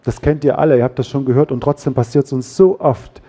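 Lively German preacher, mellow voice. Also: male voice, medium pitch, fast. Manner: lively, acts out quarrels in quoted voices. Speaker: pastor. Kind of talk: sermon.

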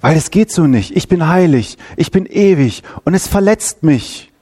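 A man doing God as a grieving, wrathful yet loving father. The voice rises well above the preacher's normal pitch and has a mellow tone. It presses each plea with emphatic repetition. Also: animated, moderate pace. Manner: emphatic, repeating short pleading phrases.

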